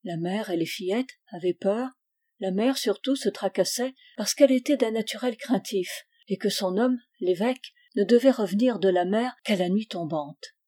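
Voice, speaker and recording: A woman reads a nineteenth-century short story in a steady, measured audiobook style. Her voice is mellow and low in brightness. The pitch sits in an ordinary middle range. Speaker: reader. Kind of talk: literary audiobook narration.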